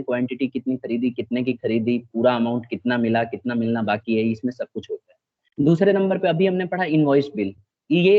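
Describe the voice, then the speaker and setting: A male teacher lecturing a class with a patient, step-by-step delivery, often stopping to make sure the students follow. His voice sits a little high for a man. The recording sounds dull and lo-fi. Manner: patient, checks understanding often, mixes in English terms.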